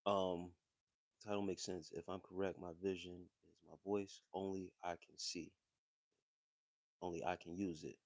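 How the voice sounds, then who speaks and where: A man's voice: sits low, level tone, measured pace, pauses often, darkish tone, no echo. A man hosting a livestream, talking casually and reading chat messages in a loose, slangy, conversational way. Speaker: livestream host.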